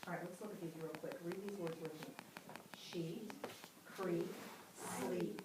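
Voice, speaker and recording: A woman's voice: fairly low pitch, racing. A woman teacher leading a phonics lesson with children, patiently prompting and asking questions. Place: classroom. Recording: roomy classroom audio, mic far off with steady noise.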